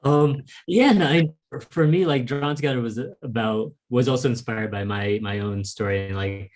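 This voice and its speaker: At medium pitch and normal speed, in a slightly mellow tone, a fellow author whose first language is Vietnamese conducts a casual video-call interview. He speaks thoughtfully, leaning often on "like" and "um."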